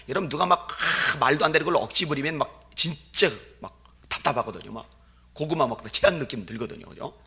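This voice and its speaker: Bright-voiced Korean pastor preaching a revival sermon. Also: male voice, mid-range voice. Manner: swings from chatty asides to shouted climaxes, acts out quoted voices. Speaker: guest pastor. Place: church sanctuary.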